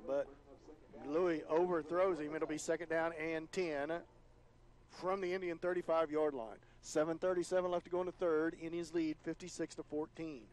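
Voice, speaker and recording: A man calling high school football play-by-play on the radio, his voice climbing higher and louder on big plays. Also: steady tone, normal speed. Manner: rises in pitch and volume on big plays. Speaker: play-by-play announcer.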